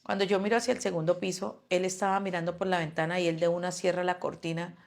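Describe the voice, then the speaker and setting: A woman's voice: fairly low pitch, flat delivery, fast talker, gravelly. A mother earnestly recounting a personal story, acting out what each person said. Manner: earnest, acts out quoted dialogue. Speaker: mother telling her own story.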